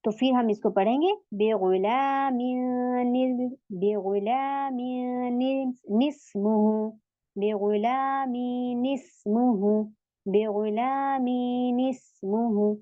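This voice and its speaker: A woman's voice: fairly high pitch, dry recording, lo-fi sound. A woman teaching a tajweed lesson, explaining patiently and checking in with her students often. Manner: explains patiently, then recites words slowly. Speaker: Quran recitation teacher.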